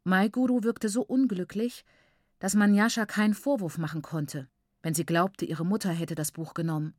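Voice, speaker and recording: This is studio-quality audiobook narration by a woman with a mid-range voice and no room sound. Her storytelling is even and measured throughout.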